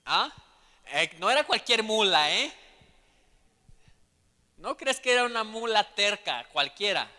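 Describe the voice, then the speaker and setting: A man preaching a sermon as pastor, swelling into loud passages full of questions to the congregation and then dropping to soft asides. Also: sits high, sing-song, unhurried, long pauses. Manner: drops to a soft aside tone between shouted passages. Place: church sanctuary. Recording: long church hall reverb.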